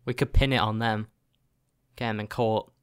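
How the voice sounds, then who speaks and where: A man in casual chat, deadpan and mock-serious, asking rhetorical questions. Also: fairly low pitch, normal speed, clear, resonant tone.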